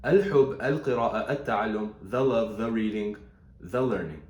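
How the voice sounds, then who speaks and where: A man's voice: on the low side, a little slow, darkish tone, echoey room. A man teaching Arabic grammar in casual commentary, reading answers aloud and correcting them with Arabic terms.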